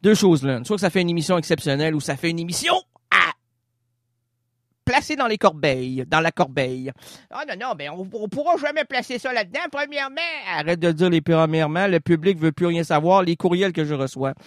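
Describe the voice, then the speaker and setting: A man's voice: fairly high pitch, expressive, a little fast, a bit bright, dry recording, studio quality. A man with a Québécois French accent hosting a show with a rambling comic monologue; he stammers and keeps interrupting himself, and he is short on sleep. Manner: absurd, stammering, self-interrupting. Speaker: radio show host.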